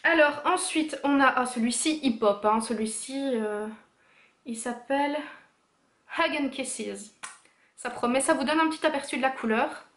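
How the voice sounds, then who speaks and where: A woman's voice: high-pitched, moderate pace, a bit bright. A woman presenting a casual make-up haul vlog, chatty and enthusiastic, with frequent fillers as she shows her purchases to the camera. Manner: chatty and enthusiastic, full of "voilà" and "euh". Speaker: beauty vlogger. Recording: echoey room.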